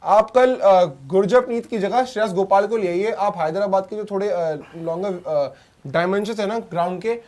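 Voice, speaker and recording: A man's voice: high-pitched, normal speed, darkish tone. A man arguing his team's case in a casual cricket chat, earnest with frequent hesitations. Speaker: cricket panelist backing Chennai.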